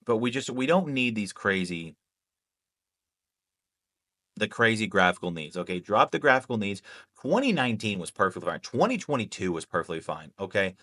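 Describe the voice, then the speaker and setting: A young man with a low voice rants to his viewers about a game, heated and cursing freely. He keeps pausing to ask "okay?". The sound is dry and close, with no room around it. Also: very animated, sharp tone, no echo. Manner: heated, profane, repeats "okay?". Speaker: gaming YouTuber. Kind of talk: ranting commentary to camera.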